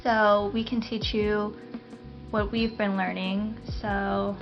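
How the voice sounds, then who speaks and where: A woman co-hosting a casual podcast chats in a relaxed, easygoing way, sprinkling in fillers as she talks. Her voice sits at a medium pitch. The sound is a little dull, with faint music behind her. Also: slow. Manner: relaxed, chatty, many fillers. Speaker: podcast co-host, garden operations manager. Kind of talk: casual chat.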